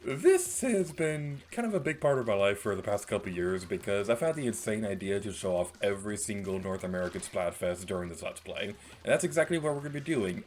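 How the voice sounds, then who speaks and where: A man's voice: fairly low pitch, slight background noise. A man hosting a Let's Play with casual, playful gameplay commentary. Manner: animated, playful.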